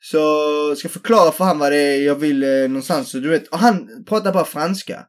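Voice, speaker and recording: High-voiced man telling animated stories. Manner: animated storyteller, mimics broken English. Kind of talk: casual podcast chat.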